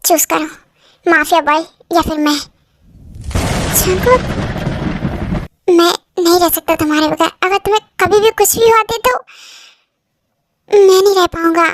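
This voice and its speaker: A woman's voice: very high-pitched, steady tone, unhurried, long pauses. A woman voicing a worried young husband who anxiously pleads with his wife, in a fan-dub drama. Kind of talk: Hindi fan dub acting.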